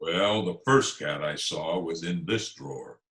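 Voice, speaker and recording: A man's voice: sits low, measured pace, fairly bright tone. A man playing a flustered, pompous middle-aged school principal in old-time radio comedy style, blustering and indignant. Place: indoors, recorded remotely over video call. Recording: roomy remote video-call recording.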